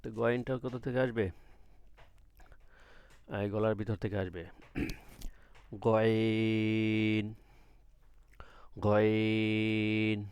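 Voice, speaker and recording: A man with a lowish, slightly mellow voice teaches an online Quran class at a moderate pace with frequent pauses. Patiently, he poses questions to the class and answers them himself, drawing out letter sounds from the throat.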